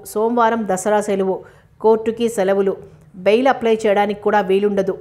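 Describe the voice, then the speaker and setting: A woman reads a novel aloud as an audiobook, voicing every character herself. Her delivery stays level and unhurried, with very little rise and fall in pitch. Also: darkish tone. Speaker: audiobook narrator.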